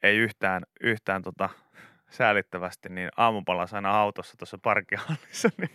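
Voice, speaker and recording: A young man hosting a morning radio show, chatting casually and telling jokey stories with sudden shouted asides. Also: on the low side, clear, resonant tone, no room sound, clean studio sound. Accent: Finnish. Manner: joking, animated storytelling with sudden shouted asides. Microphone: studio microphone.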